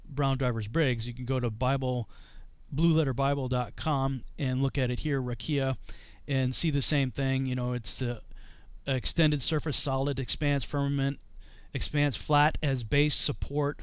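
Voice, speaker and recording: Clear and resonant, the mid-range voice of this middle-aged man carries without echo as he explains scripture on a video call from his home study. English is his first language, and he rambles loosely, often using fillers and starting over.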